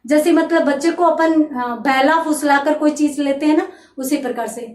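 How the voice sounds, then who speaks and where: High-voiced woman teacher, echoey. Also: normal speed, distant mic. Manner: retells the plot and acts out lines. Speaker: Hindi teacher. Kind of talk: explaining a one-act play in a lesson.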